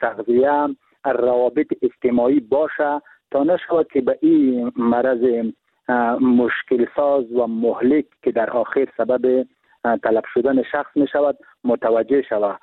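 A man's voice: mid-range voice, gravelly, dry recording. A man with an Afghan Dari accent, a doctor giving medical advice on a radio show in a hesitant, advisory way over the phone. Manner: advisory, repetitive, hesitant fillers. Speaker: doctor guest. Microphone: telephone. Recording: tinny phone line.

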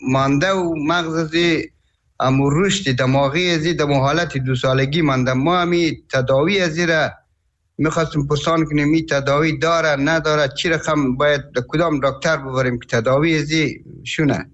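A man from Afghanistan with an Afghan Dari accent, a father calling a radio show, speaking in a worried, halting way. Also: fairly high pitch, fairly even intonation, a bit bright, dull audio. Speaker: caller, father.

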